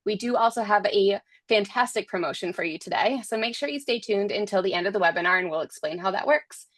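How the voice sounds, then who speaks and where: A woman's voice: mid-range voice, expressive, fast, no room sound. A woman hosting a webinar, upbeat and welcoming, reading scripted introductions. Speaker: webinar host.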